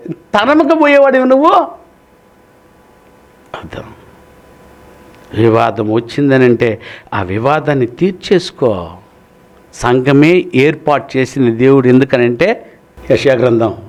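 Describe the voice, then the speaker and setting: A high-pitched male pastor preaches with lively energy. He swings between fast, pointed rhetorical questions and slower, emphatic warnings. He addresses the congregation in a familiar, fatherly way. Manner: animated, rhetorical questions, addresses listeners as "nayana". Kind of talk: sermon.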